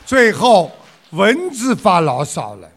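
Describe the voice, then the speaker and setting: A man telling a string of jokes to an audience in an unhurried, animated way. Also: sits high. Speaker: joke teller.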